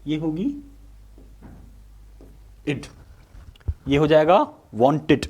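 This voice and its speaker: Male tutor with a Hindi accent, slightly high voice, quizzes and answers himself, lecture style. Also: darkish tone, slightly rough. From India. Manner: rhetorical questions answered himself, drawn-out sounds. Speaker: English teacher. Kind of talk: exam-prep lecture.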